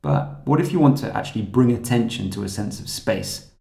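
A man narrating a scripted software tutorial in a calm, steady, explanatory way. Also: on the low side, a little fast, vocal fry, reverberant.

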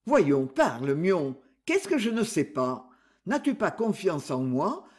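A man voicing a gentle elder brother from the countryside, who speaks softly, consoling and earnest. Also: fairly high pitch, big pitch swings, takes it slowly.

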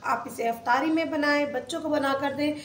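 A woman's voice: high voice, fairly quick, a bit bright, echoey room, a little hiss or hum. A woman hosting a cooking channel, chatting her way step by step through a home recipe. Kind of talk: casual recipe voice-over. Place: home kitchen.

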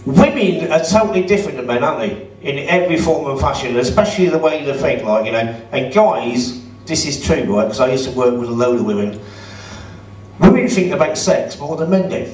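A man's voice: mid-range voice, expressive, fairly quick, darkish tone. A middle-aged man doing a stand-up comedy set in a club, chatty and sarcastic as he teases the crowd. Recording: roomy audio from a distance.

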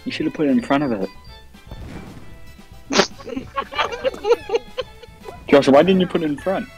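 A man's voice: high voice, huge pitch swings, slow pace, soft background music, low-quality recording. A man playing a video game with friends, teasing and playful. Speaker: gamer. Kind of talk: casual gameplay chat.

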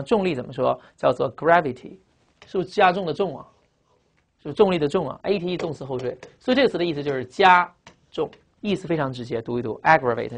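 A man teaching English vocabulary to exam students. He repeats each word and its meaning, tags lines with "ah", and keeps asking the class quick questions. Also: on the high side.

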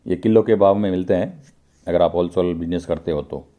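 Touring an indoor pipe factory on camera for his own channel, the host speaks briskly in a low-pitched, dark voice, explaining what's going on and talking right to his audience.

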